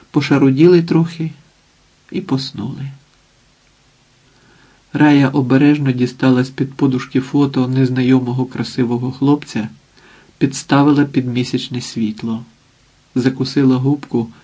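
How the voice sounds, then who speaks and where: A man reading an audiobook as narrator in an even, subdued storytelling manner. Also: mid-range voice, breathy edge, poor audio. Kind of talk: scripted narration.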